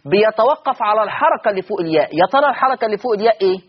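A man's voice: high-pitched, lively intonation, rapid-fire, dull audio, slight background noise. A man with an Egyptian Arabic accent teaching Quran recitation rules, repeating points and asking and answering his own questions. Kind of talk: didactic lesson.

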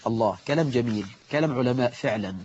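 A man with an Egyptian accent giving a lively religious lesson on prayer, imitating worshippers and scolding them, slowing down to recite quotations. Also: medium pitch, muffled recording, a little hiss or hum. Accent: Egyptian Arabic. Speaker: preacher.

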